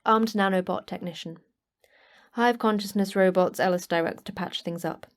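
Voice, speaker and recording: Dry and brisk, this medium-pitched woman speaks at a normal speed with a lightly acted delivery, playing the terse, matter-of-fact female manager of a hidden monster facility. The production is a sci-fi horror audio drama, and clear background noise runs through the recording.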